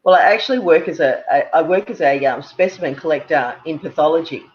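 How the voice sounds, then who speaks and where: An Australian woman guest on a video call, talking in a halting way, with many fillers and repeated words. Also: sits low, a little hiss or hum. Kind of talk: casual interview chat. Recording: muffled lo-fi video-call audio.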